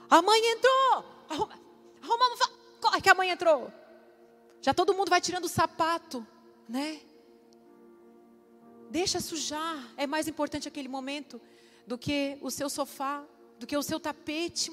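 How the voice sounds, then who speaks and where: High-voiced woman in her forties, chatty women's church speaker, hall echo with soft music under her. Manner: lively, chatty, acts out quotes. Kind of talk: sermon to a women's church audience.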